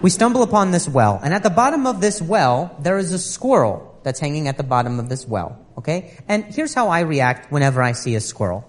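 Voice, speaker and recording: A man's voice: a little high, sing-song, fairly quick, few pauses. A man doing a stand-up comedy routine, telling a story about his wife in an exasperated, sarcastic way.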